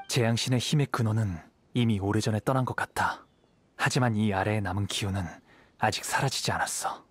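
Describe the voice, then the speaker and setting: An actor voices a calm, thoughtful young wandering samurai in a video game, speaking in a measured, analytical way. His male voice is on the low side and husky, with a composed, alert mood.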